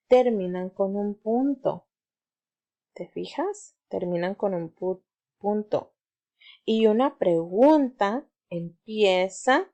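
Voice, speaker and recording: Slow, patient woman teacher. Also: mid-range voice, dark tone. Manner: patient, asks pupils to repeat words after her. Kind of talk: slow, deliberate grammar lesson for children.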